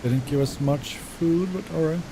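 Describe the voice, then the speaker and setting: Streaming a game live, a Finnish-speaking man from Sweden reads out viewers' messages and chats casually. He speaks at normal speed in a voice on the high side, with background noise.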